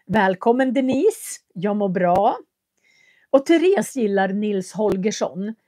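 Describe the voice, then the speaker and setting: A woman's voice: medium pitch, expressive, mellow, no room sound, clean studio sound. A woman, chatting casually on a livestream as a language teacher and answering viewer comments with friendly hesitations. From Köping, Västmanland, Sweden.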